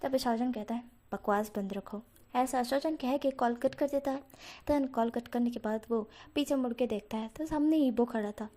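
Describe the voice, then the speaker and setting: A woman's voice: high voice, steady tone, normal speed, mellow. A woman host casually retelling a fanfiction story to her viewers in a chatty way, full of fillers and direct asides. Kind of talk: casual spoken story narration.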